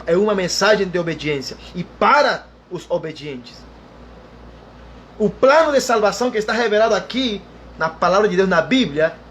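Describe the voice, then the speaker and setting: High-voiced man preaching a sermon. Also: slight background noise. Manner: repetitive, emphatic preaching with frequent "irmão" and "aleluia".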